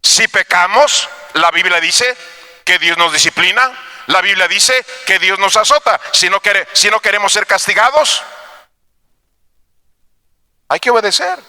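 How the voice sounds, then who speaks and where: A male pastor preaching a fervent sermon, swinging from shouted exhortations to low asides. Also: expressive, a little slow, pauses often, long reverb tail.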